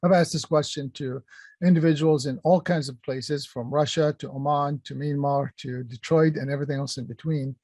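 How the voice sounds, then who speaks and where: A man's voice: fairly high pitch, steady tone, moderate pace, darkish tone, no room sound. A middle-aged man from Palestine, raised in Kuwait, presents an online workshop in a conversational manner, with many fillers and restarts while he addresses the chat. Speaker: workshop presenter, company founder.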